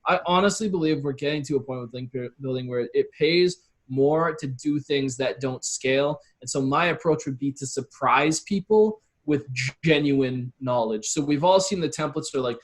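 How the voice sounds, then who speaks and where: A copywriting expert appears as an interview guest and gives advice, casually explaining his approach in conversation. He speaks in a mid-range voice at a moderate pace with few pauses.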